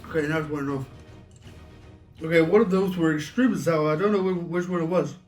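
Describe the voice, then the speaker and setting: A man's voice: on the high side, fast, far from the mic, soft background music. A man talking casually to viewers in a taste-test vlog while eating sour candy, reacting with exclamations. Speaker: video host doing a taste test.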